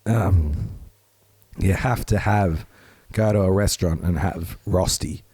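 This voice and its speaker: A man with a hoarse, grating, strained voice, chatting casually as a podcast co-host. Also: low-pitched, slow pace, mellow, dry recording. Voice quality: grating, rough. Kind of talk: casual chat.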